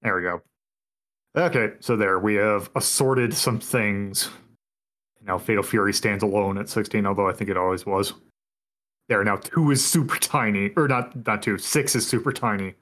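A man's voice: fairly low pitch, normal speed. Easygoing male podcast host. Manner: relaxed, rambling with fillers. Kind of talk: casual chat.

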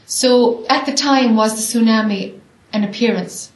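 A woman's voice: a little high, unhurried. A woman leading a spiritual question-and-answer dialogue, probing and often affirming. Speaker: spiritual discussion leader. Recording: echoey room.

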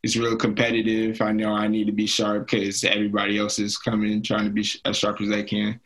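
A man's voice: on the low side, monotone, brisk, a bit bright, low-quality recording. A young man, a college football player, talking casually on a podcast, laid-back and full of "like". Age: young adult. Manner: laid-back, heavy use of "like".

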